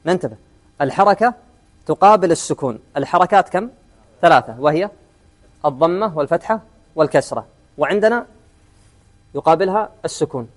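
Man, grammar teacher, slightly high voice, quizzes students, repeats key words. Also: animated, fairly quick, pauses often. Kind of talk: classroom lesson.

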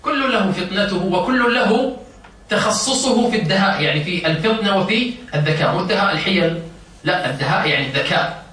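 A man's voice: high-pitched, expressive, fairly quick, sharp tone. A man teaching a religious lesson, quizzing his listeners and explaining the meanings of words. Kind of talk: informal lesson to a seated circle. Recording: echoey room, distant mic, faint noise.

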